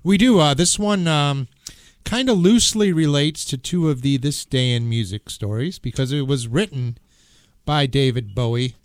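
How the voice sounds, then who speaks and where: A man's voice: mid-range voice, moderate pace, dry recording, studio quality. A man co-hosting a radio music show, chatting enthusiastically and rambling a bit, with hesitant fillers. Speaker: radio co-host. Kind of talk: casual radio chat.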